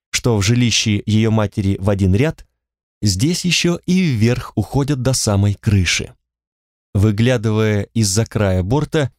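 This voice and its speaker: A man narrates an audiobook in the first person, in a measured, detached way. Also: lowish voice, darkish tone, no echo, clean studio sound.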